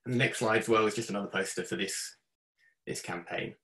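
A man presenting a student campaign pitch from home on a video call, upbeat and keen with frequent fillers. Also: brisk, fairly bright tone.

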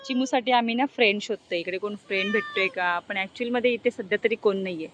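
A woman's voice: medium pitch, quick pace, lo-fi sound, background noise. A middle-aged woman vlogging casually outdoors on an open ground, chatty and doting as she coos at her pet cat. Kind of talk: casual vlog chat.

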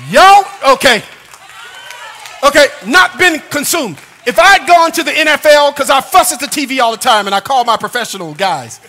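A man in his sixties preaching a sermon as pastor in a church sanctuary, with humor, shouted emphasis and call-and-response. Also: very high voice, expressive, moderate pace. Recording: long church reverb.

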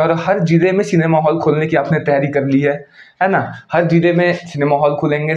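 A man gives an informal explainer lecture in a chatty, teasing manner. His voice sits a little high. The recording sounds roomy and dull, like cheap lo-fi gear. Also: darkish tone. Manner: chatty, teasing, with frequent "ठीक है" tags. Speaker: educational channel host.

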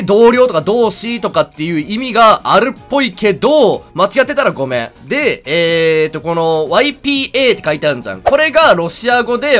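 A young man giving chatty, excitable gameplay commentary at his computer. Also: sits high. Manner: chatty, excitable, rapid and animated. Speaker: game commentator.

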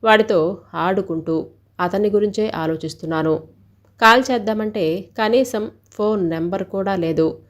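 A woman reading a scripted first-person story in a steady, even storytelling delivery. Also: mid-range voice, measured pace, long pauses.

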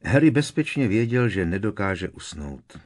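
A man reading an audiobook in steady storytelling narration. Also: fairly low pitch. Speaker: audiobook reader.

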